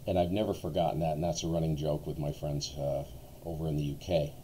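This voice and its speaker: A man's voice: a bass voice, level tone, fast, mellow, slight background noise. An American man hosting a ham radio stream, chatting casually and telling rambling, jokey stories. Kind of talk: casual storytelling to viewers.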